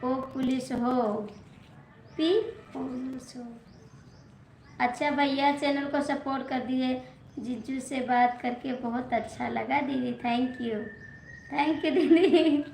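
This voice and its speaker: Slow, high-voiced woman chatting on a live stream. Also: steady tone, vocal fry, a little mellow, a little hiss or hum. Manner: chatty, thanks viewers and reads comments aloud; scolds a child at home between comments. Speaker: folk singer hosting a live stream. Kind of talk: casual live-stream chat. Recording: echoey room with faint ambience.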